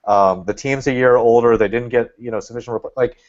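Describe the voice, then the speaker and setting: A man's voice: mid-range voice, steady tone, fairly quick, a little mellow. A man talking as a podcast guest in casual chat, rambling and thinking aloud with lots of fillers. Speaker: guest, Red Bulls fan. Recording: dull lo-fi sound.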